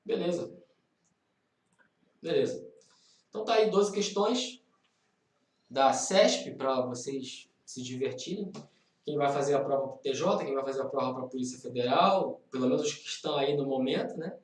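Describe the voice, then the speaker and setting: A man's voice: medium pitch, lively intonation, moderate pace, pauses often, echoey room, distant mic, poor audio. A man with a Brazilian Portuguese accent teaching law in a live online lesson, explaining exam questions and driving key points home by repeating them. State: tired. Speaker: law professor.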